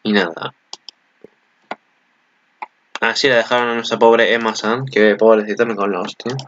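Excitable bright-voiced Spanish man. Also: on the low side, moderate pace, muffled recording, a little hiss or hum. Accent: Peninsular Spanish. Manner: excitable, swears freely. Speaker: anime commentator. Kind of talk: casual video commentary.

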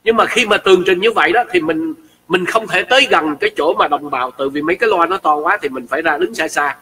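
Excitable high-voiced man. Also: fast, recorded from a distance, a little hiss or hum, poor audio. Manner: excitable, acts out shouting quotes. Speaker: storyteller. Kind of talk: animated personal storytelling.

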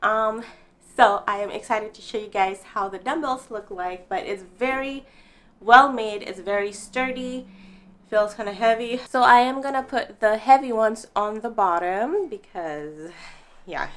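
A woman's voice: on the high side, a little slow, fairly bright tone. Chatty young woman reviewing home gear. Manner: chatty and upbeat, speaks straight to viewers. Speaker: home fitness vlogger. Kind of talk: casual product review. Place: bright living room at home.

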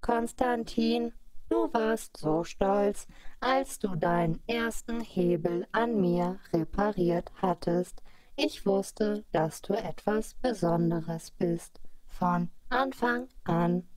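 Metallic clangy robot voice, cold calculating female clockwork computer acted by a woman, slow measured delivery, dry close sound. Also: mid-range voice, darkish tone, no echo, rough recording. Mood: coaxing. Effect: metallic machine voice. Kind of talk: audio story acting.

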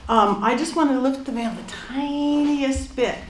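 A woman's voice: high voice, a little slow, distant mic, a little hiss or hum. An older woman speaking casually as a spiritual medium during a ghost hunt in a small room. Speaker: spiritual medium and witch guest. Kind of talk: casual explanation during a ghost-hunting séance. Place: small bare indoor hotel room. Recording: echoey room, off-mic, music underneath.

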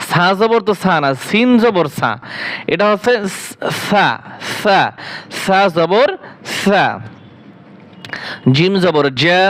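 A man's voice: high-pitched, fairly bright tone. A man teaching Quran reading, patiently drilling each letter sound one by one and correcting common mispronunciations. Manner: deliberate, spaced syllables. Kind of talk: slow letter-by-letter recitation drill.

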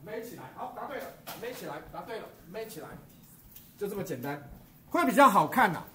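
A man's voice: high voice, very animated, brisk, noisy background. A middle-aged man teaching a stagecraft class, quizzing his students, cracking jokes and dropping English terms into the lecture.

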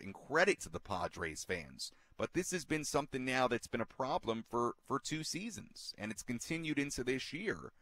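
A man's voice: medium pitch, fairly bright tone, no echo. A man in his thirties hosting a postgame radio show from a ballpark booth, talking earnestly and emphatically on a headset mic, with many fillers and repeated words. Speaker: radio sports host. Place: broadcast booth inside a ballpark.

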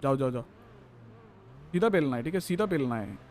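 A man's voice: mid-range voice, expressive, a little fast, a little mellow, a little hiss or hum. Man barking gang orders. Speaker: gang leader in a role-play game. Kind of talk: in-character role-play chatter.

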